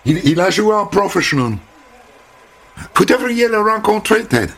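A woman's voice: mid-range voice, big pitch swings, unhurried, a bit bright, husky, pitched above the performer's own voice, full character voice. A man voicing a bubbly, chatty American woman hairdresser with squealing exclamations. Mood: eager.

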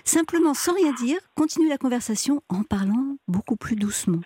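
A woman hosting a radio call-in show, giving advice in a calm, explanatory way. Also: sits high, a little fast, husky, dry recording.

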